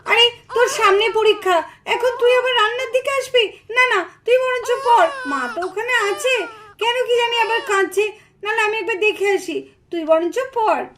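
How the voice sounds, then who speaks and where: A woman voicing a busy, kind young mother in a Bengali puppet cartoon, talking in a hurried, motherly way. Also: very high voice, a bit bright, slight background noise. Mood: harried.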